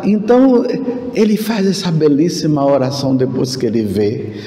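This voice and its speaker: Priest giving a homily, man, measured slow pace, slightly high voice, roomy church sound. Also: very animated, warm tone. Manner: slow, emphatic preaching with sudden rises in pitch. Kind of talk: sermon. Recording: echoey church with long reverb.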